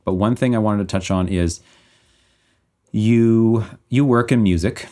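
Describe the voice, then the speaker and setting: Relaxed low-voiced man in his thirties. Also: unhurried. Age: 30s. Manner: animated, thinking aloud with many restarts. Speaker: podcast host. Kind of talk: casual conversation.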